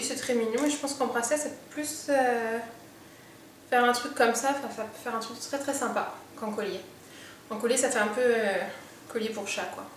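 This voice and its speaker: A chatty woman vlogger unboxing beauty products, thinking aloud and pausing as she goes. Her voice sits a little high. She is set back from the mic in a very echoey room, with a faint hiss under it. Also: recorded from a distance. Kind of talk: casual unboxing chat.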